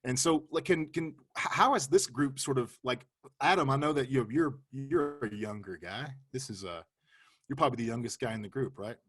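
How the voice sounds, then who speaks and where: A man's voice: medium pitch, moderate pace, fairly bright tone, slightly rough. A man hosting a casual video-call chat, laid-back, laughing easily and swearing casually. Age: 40s. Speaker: host.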